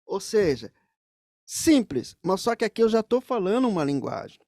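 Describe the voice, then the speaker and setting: A man's voice: high voice, very animated, brisk, a little mellow, no room sound, clean studio sound. A man teaching saxophone, explaining things straight to the viewers in a music lesson.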